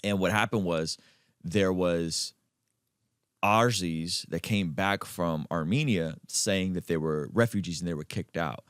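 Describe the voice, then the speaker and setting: A man from Azerbaijan hosting a podcast conversation, talking emphatically and leaping up in pitch to stress his points. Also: measured pace, clean tone, no room sound, clean studio sound. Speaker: podcast host.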